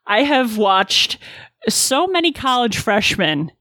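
Female game master, informal tabletop narration. Bright voice, close dry sound. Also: fairly high pitch, big pitch swings, takes it slowly, no echo.

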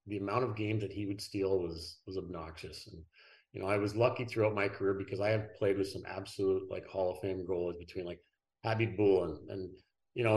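Low-voiced man telling relaxed stories. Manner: relaxed, rambling anecdotes with restarts. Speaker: podcast guest, former hockey player. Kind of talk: casual interview storytelling.

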